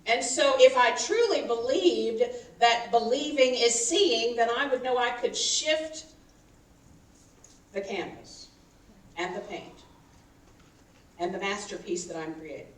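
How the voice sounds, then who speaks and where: A woman in her fifties, a minister giving a sermon, animated and calling for responses from the congregation. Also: a little high, takes it slowly, pauses often. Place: church sanctuary. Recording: echoey hall, mic from far off, faint noise.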